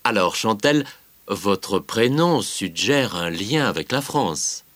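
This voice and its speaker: A male interviewer asks his questions slowly and with deliberate care in a scripted exam dialogue. His voice sits somewhat low. The recording is dry and close-miked, with no room echo. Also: expressive, a bit bright.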